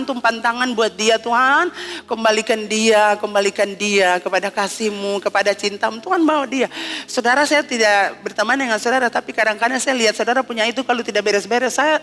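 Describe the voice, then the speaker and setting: A middle-aged woman pastor with an Ambonese Malay accent delivers an emotional sermon, her voice high and bright. She leans on repetition and fervour. The sound carries the long reverb of a church hall, with soft music under it. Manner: fervent, emotional, repeats phrases.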